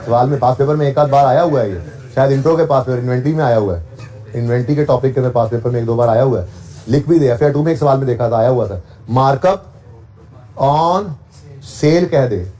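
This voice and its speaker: A man's voice: medium pitch, dark tone. A man teaching accounting to a class, explaining step by step, often checking with his students, and switching into English for technical terms. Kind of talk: classroom lecture.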